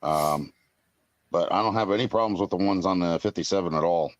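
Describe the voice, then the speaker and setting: A man's voice: deep voice, a little fast, dry recording. A man in his fifties chatting casually on a live stream, talking in a rambling, blunt way with some mild cursing. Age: 50s.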